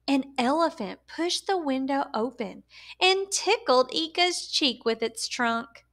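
Reading a children's picture book aloud, this woman uses a high, expressive voice with a fairly bright tone. She takes her time, placing deliberate emphasis on words for little ones, while her pitch rises and falls dramatically.

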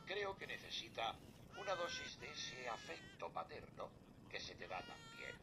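Game casting: dutiful male robot butler, fussy, animated, creaky, some noise behind. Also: mid-range voice, moderate pace. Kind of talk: video game drama acting.

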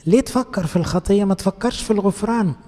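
Egyptian priest preaching in a reverberant church. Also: male voice, high-pitched, racing, dark tone. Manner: colloquial, coaxing, asks the congregation rhetorical questions. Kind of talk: conversational sermon.

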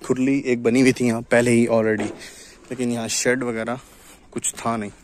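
Young man touring a farm, flat tone. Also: mid-range voice. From Pakistan. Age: young adult. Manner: explanatory, steady talk to viewers. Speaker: cattle farm vlogger. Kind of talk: casual walkthrough vlog. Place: outdoors at a farm construction site. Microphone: phone camera, selfie framing. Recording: outdoor noise from tractors and wind.

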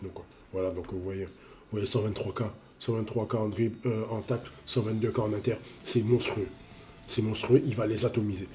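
A man's voice: lowish voice, warm tone. A man with a cold, sniffling as he reviews a mobile game card in a casual, repetitive way, full of fillers. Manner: repeats himself, full of fillers.

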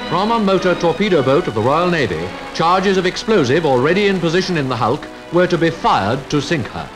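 A man giving scripted narration for a 1940s newsreel, in a solemn, formal, measured voice over an old archive soundtrack. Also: fairly high pitch, very animated, over music.

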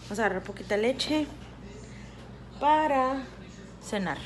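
A woman in her thirties filming a family vlog on her phone, chatting straight to her viewers and gently correcting the kids along the way. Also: sits high, lively intonation, measured pace. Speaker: family vlogger. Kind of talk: casual vlog chat to viewers. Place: car at night, shopping mall, home kitchen. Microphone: phone held at arm's length. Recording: loud crowd and background noise.

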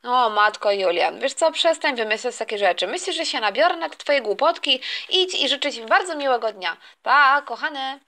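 A woman's voice: high voice, animated, moderate pace, few pauses, sharp tone, full character voice. A woman voicing a mother who coaxes and scolds her young son in a toy play story. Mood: scolding. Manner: coaxing, scolding. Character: patient but firm mother waking her son.

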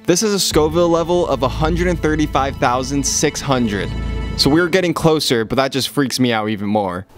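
A man's voice: medium pitch, moderate pace. A young man giving a casual voice-over narration for a vlog. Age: young adult. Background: music.

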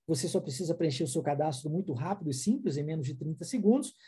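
Brazilian man teaching English, husky and mellow. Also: fairly high pitch, expressive, fast. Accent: Brazilian Portuguese. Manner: explanatory, frequent "né?" and "tá?" tags. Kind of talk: online language lesson.

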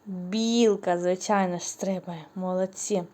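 A woman teaching a preschool reading lesson, drawing out syllables slowly and praising the children cheerfully. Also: on the low side, steady tone, dark tone. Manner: slow, drawn-out syllables when modeling words. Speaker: kindergarten teacher.

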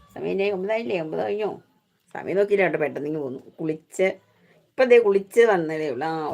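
Woman streamer from Kerala, warm-hearted chatter, friendly and informal with her viewers. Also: lowish voice. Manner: chatty, affectionate, greets viewers by name. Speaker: YouTube live streamer. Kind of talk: casual live-stream chat with viewers.

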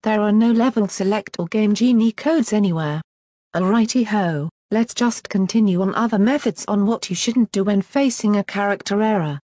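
A synthetic female voice playing a stern, scolding schoolteacher in an animated video. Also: medium pitch, normal speed, dry recording, natural voice. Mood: explaining. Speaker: teacher.

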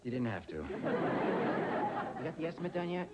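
Stammering, flustered teacher. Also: male voice, on the high side, big pitch swings, unhurried, a loud crowd, heavy background noise. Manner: stammering, nervous restarts. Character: easygoing, flustered middle-aged male teacher. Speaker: high school teacher. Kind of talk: sitcom acting.

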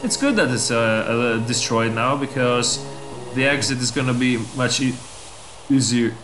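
A man's voice: medium pitch, unhurried, a bit bright, low-quality recording. A man hosting a let's play, thinking aloud and reacting with surprise as he plays. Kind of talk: casual gameplay commentary. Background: game music.

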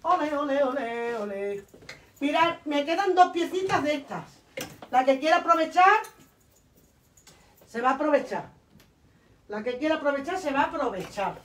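Chatty high-voiced woman selling clothes. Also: animated, moderate pace, long pauses, slight background noise. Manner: chatty, affectionate, repeats prices and calls viewers darling. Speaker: live-stream clothing seller. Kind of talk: live sales pitch.

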